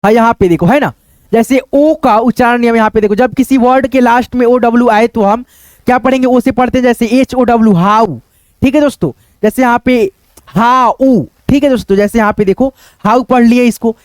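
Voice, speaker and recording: A man teaching English pronunciation, spelling words out letter by letter and then saying them slowly, with the same friendly filler phrases over and over. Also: extremely high pitch, fairly even intonation, dry recording. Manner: repetitive, keeps saying "okay friends" and "look here".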